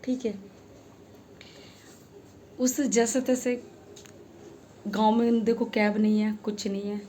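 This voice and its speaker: A woman's voice: on the high side, steady tone, slow pace, warm tone, slight background noise. A woman telling an earnest, emphatic story to her followers, asking rhetorical questions as she goes. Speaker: social media creator. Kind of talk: heartfelt storytelling monologue.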